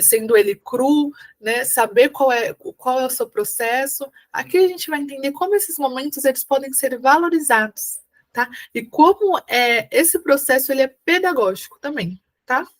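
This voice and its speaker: A woman from Brazil with a São Paulo accent gives an exam-prep lesson, her voice pitched a little high. She explains patiently and keeps checking that her students follow along. Now and then she acts out warm, coaxing phrases, as if speaking to a small child at the table. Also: moderate pace. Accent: São Paulo Brazilian Portuguese. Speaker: teacher preparing candidates for an exam. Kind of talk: online lecture.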